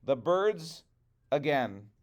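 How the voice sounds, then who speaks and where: A man telling a trickster tale as a storyteller, with deliberate, dramatic phrasing. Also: fairly high pitch, sing-song.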